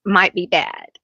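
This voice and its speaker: A woman reads tarot on a relaxed live stream, her medium-pitched voice bright, forceful and husky, at an unhurried pace. She's chatty, laughs often and teases herself, calling herself loud, a yeller. The audio is dry, with no echo, and a little dull, like lo-fi stream sound.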